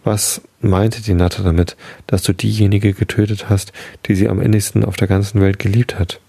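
A man's voice: on the low side, little pitch movement, moderate pace, gravelly, warm tone, husky, no room sound. A man voicing a loyal, blunt male dog in a storybook reading, talking in a plain, matter-of-fact way. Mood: earnest.

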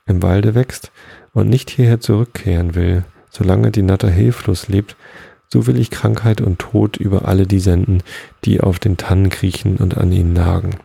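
Sly old adder, grudging and vengeful, gravelly, dark, read by a man. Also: sits low, fairly even intonation, moderate pace, no room sound, full character voice. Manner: quiet, hissing storyteller delivery.

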